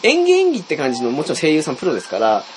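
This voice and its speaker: A man with a fairly high voice talks quickly in relaxed podcast chat. His pitch swings widely as he mixes fillers with playful acted-out shouts. A faint hiss sits behind him. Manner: chatty, many fillers, acts out shouts. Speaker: podcast co-host. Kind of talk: casual chat.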